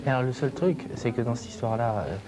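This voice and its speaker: A man's voice: medium pitch, fast. A man interviewing someone in casual, probing and hesitant questions, secretly recorded on a hidden microphone. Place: café or restaurant. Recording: noisy hidden-mic recording, off-mic. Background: clear background noise.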